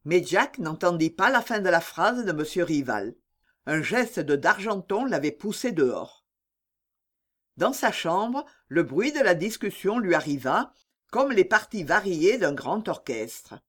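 Measured literary audiobook narrator. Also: mid-range voice, big pitch swings, a bit bright.

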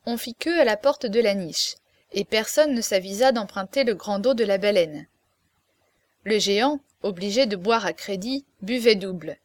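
A woman reading a classic novel aloud as narrator, with lively, expressive storytelling. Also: mid-range voice, normal speed, dry recording.

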